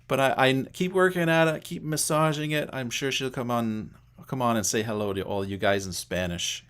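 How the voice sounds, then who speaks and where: A middle-aged Canadian man with a medium-pitched, slightly bright voice hosts a casual livestream. He chats with viewers by name and thinks out loud while setting things up.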